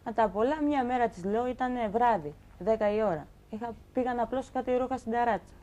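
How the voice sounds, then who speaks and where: Young woman, talk-show guest, animated storyteller who acts out quoted lines; fairly high voice. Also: muffled recording. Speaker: guest telling her story. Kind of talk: emotional personal account on a talk show.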